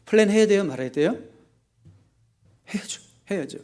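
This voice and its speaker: A male pastor preaching in church, asking the congregation questions and answering them himself, with sharp rises for emphasis. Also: sits high, expressive, moderate pace. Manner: emphatic, often rising sharply for stress. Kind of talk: sermon. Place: church sanctuary.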